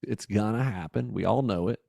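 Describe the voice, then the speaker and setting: A man's voice: fairly low pitch, normal speed, gravelly, mellow, no room sound. Upbeat male podcast host, dry sound. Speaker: podcast host and business coach. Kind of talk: podcast interview.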